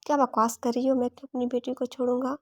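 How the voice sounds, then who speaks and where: A man's voice: very high-pitched, level tone, quick pace, no room sound, studio quality. A woman reading the lines of a weary, dutiful married man in a romance audiobook. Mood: weary, firm. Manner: read plainly in the narrator's voice.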